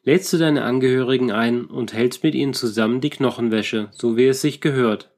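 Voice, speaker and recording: A man reading a storybook, voicing a bold young man who speaks up loudly. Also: mid-range voice, a little fast, close to an everyday voice. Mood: firm. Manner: raised, blustering when annoyed.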